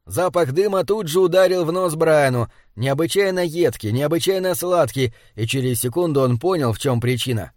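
Guy reading an audiobook, steady and even, kinda high voice, dry close mic. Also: moderate pace, few pauses, no echo. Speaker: audiobook narrator. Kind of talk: scripted narration.

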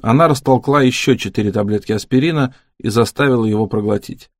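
A man reading an audiobook in a measured, steady narrating voice. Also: medium pitch, no room sound, studio quality. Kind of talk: scripted narration.

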